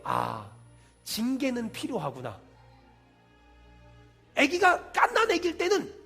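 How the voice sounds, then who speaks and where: A man preaching from a church pulpit, his voice strikingly high and swinging widely in pitch as he builds his refrains. There is a gravelly edge under the sound. He drops into homey storytelling aimed straight at the congregation. Faint music sits behind him. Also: fairly bright tone. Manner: impassioned preaching with repeated refrains; folksy storytelling, addresses congregation directly. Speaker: pastor. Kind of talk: sermon. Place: church sanctuary.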